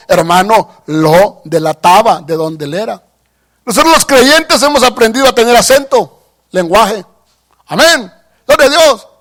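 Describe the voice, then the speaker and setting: A man delivers a sermon in a high, lively voice. He preaches with passion, pushing his emphatic lines loud and letting asides fall to near quiet. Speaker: pastor.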